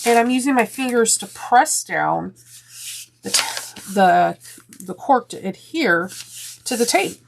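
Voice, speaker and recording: A woman hosts a step-by-step sewing tutorial, chatting and rambling with frequent ums, restarts, and pauses. A sinus infection leaves her expressive, gravelly voice a little deeper and stuffy, and she speaks slowly over a faint hiss in the recording.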